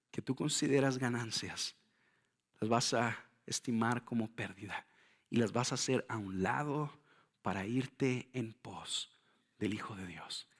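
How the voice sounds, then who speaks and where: A middle-aged man preaching a sermon, moving between hushed slow phrases and loud, fervent calls, speaking straight to his congregation with rhetorical questions. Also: medium pitch, slightly rough. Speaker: pastor.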